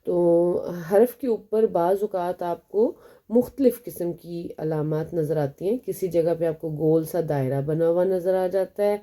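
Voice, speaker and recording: A woman with a Pakistani Urdu accent teaching a beginner language lesson. She explains step by step, asks questions and answers them herself, and slows down to spell out each letter sound. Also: fairly low pitch, mellow. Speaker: Arabic teacher.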